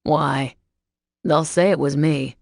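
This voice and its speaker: A woman voicing a calm, unbothered teenage boy who fights in an audiobook. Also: sits low, slow pace, vocal fry, dry recording, studio quality, heavily acted. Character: cool-headed teenage boy, a tough fighter.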